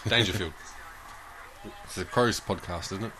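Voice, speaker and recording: A man's voice: sits low, moderate pace, noisy background. A man with an Australian accent chatting casually and bluntly about football as a podcast co-host.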